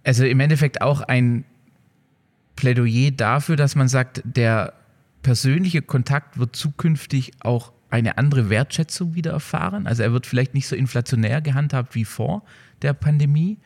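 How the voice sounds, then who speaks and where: A man's voice: mid-range voice, moderate pace, darkish tone. A man hosting a business podcast, asking long, elaborate questions and summing up his guest's points. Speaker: podcast host. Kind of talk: podcast interview.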